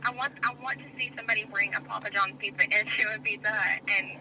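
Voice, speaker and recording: A woman's voice: mid-range voice, steady tone, fast, crowd noise, low-quality recording. A woman from Tennessee with a Southern accent, chatting casually as a podcast guest, giggly and self-deprecating. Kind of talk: casual chat.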